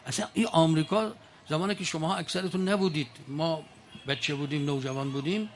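Older male speaker, folksy storyteller, pitched high for a man, faint noise behind. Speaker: speaker addressing an audience. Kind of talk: colloquial storytelling speech.

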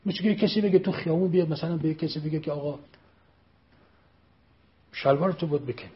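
A man giving an emphatic political speech, repeating phrases and firing pointed rhetorical questions. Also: a little high. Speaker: speaker addressing an audience. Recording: dull lo-fi recording.

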